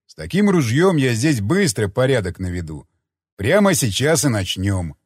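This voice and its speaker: A man's voice: mid-range voice, sing-song, normal speed, breathy edge, no room sound, studio quality. A man voicing a cowardly, scheming sergeant who whines and pleads. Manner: whining, pleading. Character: cowardly scheming male soldier, whining.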